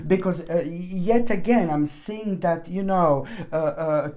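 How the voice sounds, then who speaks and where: Speaking slowly in a mellow, lowish voice, a tarot reader gives her weekly reading as a monologue to camera. She's earnest and repetitive, drifting into fillers and starting over, and she addresses viewers with endearments.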